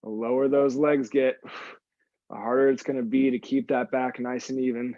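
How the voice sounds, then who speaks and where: A man's voice: medium pitch, little pitch movement, normal speed, dark tone, no echo, lo-fi sound. A man coaching a live workout class, cueing moves and encouraging the group while breathing with exertion. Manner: encouraging, repeats short praise to the group. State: exertion, audible sighing breaths. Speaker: fitness instructor.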